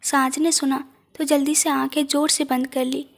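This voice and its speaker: A woman narrating a romantic audio story in a soft, even storytelling voice. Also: high voice, normal speed.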